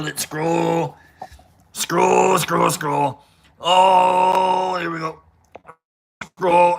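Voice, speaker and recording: A streamer voicing a gravelly, greedy cookie-loving male monster, calling out loud, rowdy shout-outs. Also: medium pitch, background noise, voice pushed down.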